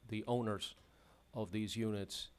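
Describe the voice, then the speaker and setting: A man presides over a code hearing in a courtroom recording, his voice smooth and resonant and set a little low. He speaks in measured, firm rulings, pausing on "uh" as he weighs each point. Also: fairly even intonation. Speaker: hearing magistrate. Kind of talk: formal hearing proceedings. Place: hearing room.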